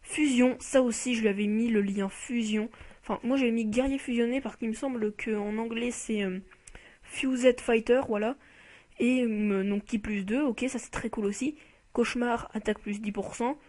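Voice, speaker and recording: Chatty woman with a fairly high voice. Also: fairly even intonation, moderate pace, a little mellow. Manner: hesitant, with many fillers and restarts; chatty and enthusiastic about the card. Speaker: YouTuber reviewing a mobile game card. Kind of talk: casual spoken game commentary.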